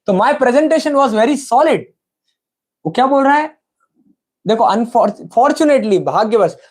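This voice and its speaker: Man, Indian English accent, live lesson teacher, switches between Hindi and English, reads English sentences slowly, keeps asking if viewers follow. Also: sits high, a little mellow. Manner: addresses viewers as friends, asks if they understood.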